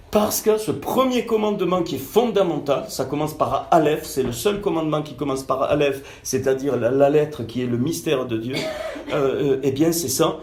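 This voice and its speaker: A man's voice: medium pitch, darkish tone. A man giving an informal Bible teaching over an online call, full of fillers and restarts, growing emphatic when he reads scripture. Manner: hesitant, many fillers and restarts. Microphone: online call audio. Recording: echoey call recording.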